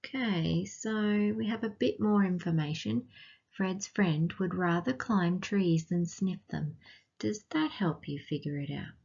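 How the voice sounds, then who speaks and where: Slow, husky Australian storytime reader. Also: female voice, on the low side, muffled recording. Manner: gentle teacherly questions to young listeners. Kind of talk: reading a picture book aloud to children.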